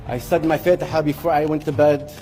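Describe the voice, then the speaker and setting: A man's voice: fairly high pitch, little pitch movement, fast talker, over music. A man in his forties telling an emotional personal testimony, earnest and heartfelt, with frequent restarts. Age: 40s. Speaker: speaker giving a personal testimony.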